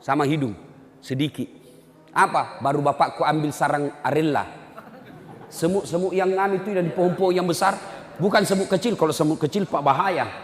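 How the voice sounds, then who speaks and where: A man preaching a humorous sermon to a congregation, acting out parents and children in lively voices. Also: on the high side, normal speed. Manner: animated, acts out parents and children, jokes with the audience. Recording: echoey hall with long reverb.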